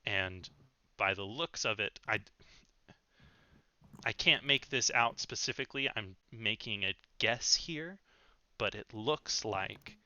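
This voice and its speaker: A man narrating as game master of a tabletop game, slow and soft-spoken, hesitating with fillers. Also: fairly low pitch, no echo, muffled recording.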